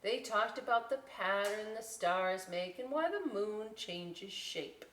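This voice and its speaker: A woman with a medium-pitched, slightly bright voice hosts library story time, reading slowly with lively intonation. She keeps it playful and informal, adding chatty asides for the kids and often checking in with "right?". The echoey room is picked up by a distant mic, with faint background noise.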